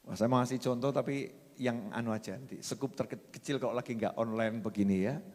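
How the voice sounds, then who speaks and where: A man with a Javanese accent preaching a sermon, swinging from soft asides to loud, animated passages and acting out quotes. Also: medium pitch, a little fast, long reverb tail.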